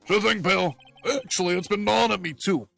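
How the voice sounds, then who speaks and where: Brief: a man playing a gravelly, eager cop sidekick in a game playthrough. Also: high-pitched, brisk, bright, forceful tone, soft background music, heavily acted. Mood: friendly. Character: friendly clumsy male police detective.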